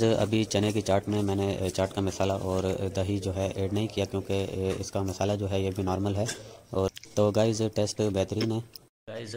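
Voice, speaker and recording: A man's voice: deep voice, darkish tone, a little hiss or hum. A man talking casually to his viewers in a home vlog, chatty and repetitive, leaning on the same fillers and saying things twice in different words. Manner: chatty, keeps saying "guys" and "okay" as fillers; repeats himself, restating words in two ways. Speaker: vlogger.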